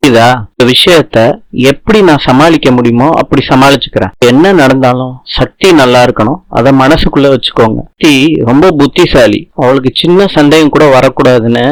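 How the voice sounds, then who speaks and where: Stern elderly family head read by a man in his own voice, dry close sound, mid pitch. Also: normal speed, no echo, close to an everyday voice, rough recording. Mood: worried. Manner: reading the lines flatly in his own voice.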